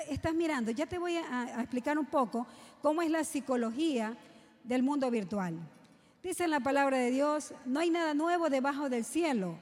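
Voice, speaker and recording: Woman preacher, high voice, rhetorical questions, long hall reverb. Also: a little mellow. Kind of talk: sermon to young people.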